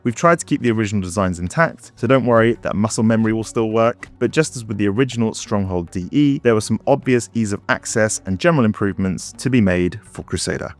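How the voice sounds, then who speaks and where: Low-voiced man narrating a game update. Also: quick pace, few pauses. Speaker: developer presenter. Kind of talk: scripted promotional narration. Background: background music.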